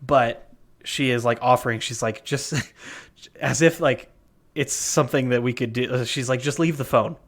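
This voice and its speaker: A man's voice: mid-range voice, fairly even intonation, measured pace. A man co-hosting a podcast, telling a story in casual chat, full of fillers and restarts. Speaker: podcast co-host. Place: worked at a gym front desk.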